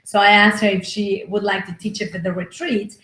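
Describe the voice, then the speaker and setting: A woman's voice: medium pitch, level tone, a little fast, fairly bright tone. A woman interviewer and retreat host, talking in an enthusiastic, praising way. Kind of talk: casual interview chat. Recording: roomy echo.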